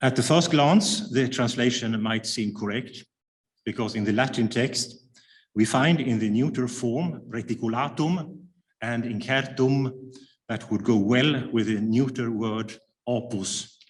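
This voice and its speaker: A man with a mid-range voice, a native Swedish speaker, gives an academic lecture read from a prepared paper. His delivery is measured and careful, dotted with frequent hesitation fillers.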